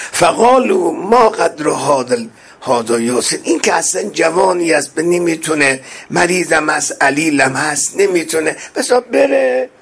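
A man delivering a mourning sermon in a husky, breathy voice. He races through murmured stretches and then slows into loud, high-pitched cries. He recites Arabic lines and glosses each one. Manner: swings between fast murmured passages and slow shouted climaxes; quotes Arabic phrases then explains them in Persian. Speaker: preacher.

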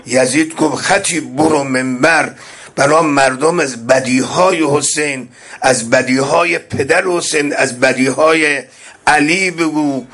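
Husky-voiced man preaching an impassioned sermon. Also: medium pitch. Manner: swings between fast murmured passages and slow shouted climaxes; quotes Arabic phrases then explains them in Persian. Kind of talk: Shia mourning sermon.

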